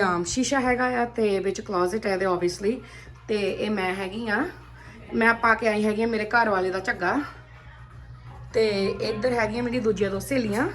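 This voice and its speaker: A woman's voice: mid-range voice, steady tone, moderate pace, faint music behind. A woman vlogger chatting casually to her viewers, slipping English phrases into her talk. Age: adult, a mother of children. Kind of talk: casual vlog chat.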